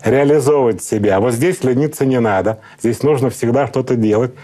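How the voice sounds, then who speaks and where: A middle-aged man, a psychotherapist, calmly explaining in an interview in a lecturing manner. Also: medium pitch, a little fast. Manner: calm, lecturing, acts out example speakers. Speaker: psychotherapist guest.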